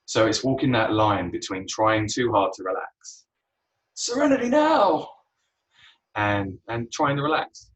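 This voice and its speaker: A man guiding a yoga class, relaxed and unhurried, with frequent ums. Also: fairly low pitch, far from the mic, poor audio. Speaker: yoga teacher.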